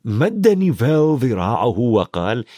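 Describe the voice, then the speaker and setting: Man reading an audiobook, super animated delivery, dead dry recording. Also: mid-range voice, measured pace, slightly rough, dry recording. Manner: dramatic, swings from loud to hushed. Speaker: audiobook narrator. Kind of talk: scripted audiobook narration.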